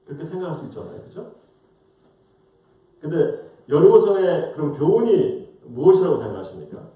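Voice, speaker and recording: A man's voice: a little high, sing-song, moderate pace, mellow. A man preaching a sermon as pastor, asking rhetorical questions and acting out quoted voices. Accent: Korean-American. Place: church sanctuary. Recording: roomy distant church mic.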